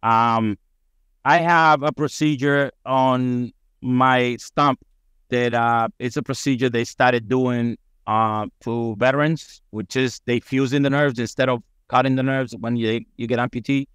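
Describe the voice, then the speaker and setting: A middle-aged man tells his story on a podcast in a loose, rambling way, upbeat and swearing freely. His voice sits at an ordinary middle pitch. The sound is close and dry, with no room around it. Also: fairly even intonation, a little slow, fairly bright tone, clean tone, dry recording. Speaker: firefighter guest.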